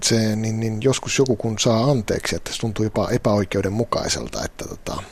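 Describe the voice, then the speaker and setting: Husky hesitant man asking questions. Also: on the low side, sing-song, a little mellow. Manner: hesitant, searching for words. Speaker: host. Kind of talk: casual interview questions.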